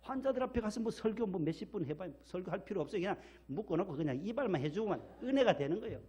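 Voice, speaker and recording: A man's voice: high voice, lively intonation, racing, warm tone, husky. A middle-aged man from South Korea's Gyeongsang region, a pastor preaching a sermon and telling folksy personal stories, repeating phrases for emphasis.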